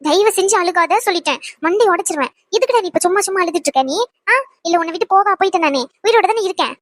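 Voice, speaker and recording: Woman doing a shrill, bossy cartoon girlfriend. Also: expressive, quick pace, no echo. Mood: scolding. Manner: nagging, scolding, sighing exclamations. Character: bossy, exasperated young woman scolding her boyfriend. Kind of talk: cartoon voice acting.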